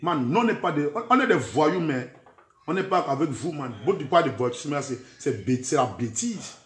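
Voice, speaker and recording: Cameroonian man, Camfranglais-laced French, high voice, menacing social-media rant in a roomy echo. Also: expressive, normal speed. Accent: Cameroonian French, mixing in Camfranglais. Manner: threatening, heated, keeps repeating "man" and "vrai".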